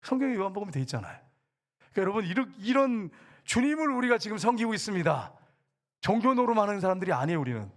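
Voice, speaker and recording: A man preaching a sermon as a church pastor, animated, with loud exclamations and quiet asides. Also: high voice, quick pace. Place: church sanctuary.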